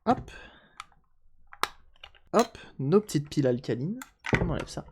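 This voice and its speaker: A man's voice: fairly high pitch, very animated, unhurried, background noise. A man chatting casually on a live stream while repairing a handheld console, joking and answering chat aloud.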